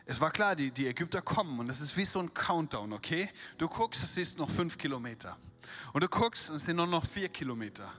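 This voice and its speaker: A man preaching a sermon, retelling a Bible story with lively acted-out quotes and direct rhetorical questions to the listener. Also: fairly high pitch, a little fast, soft background music.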